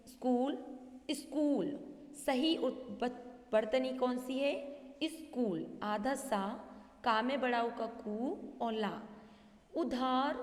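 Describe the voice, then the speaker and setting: Slow, echoey woman teacher. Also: fairly high pitch. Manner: slow and deliberate, repeating words syllable by syllable. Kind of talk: recorded class lesson. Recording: echoey room with long reverb.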